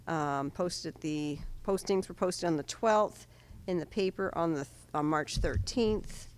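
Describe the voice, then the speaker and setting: A woman with a nasal voice reading public notices and dates aloud at a town board meeting in a brisk, even way. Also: lowish voice, background noise. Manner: brisk monotone reading of dates and legal text. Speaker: board clerk. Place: town hall meeting room.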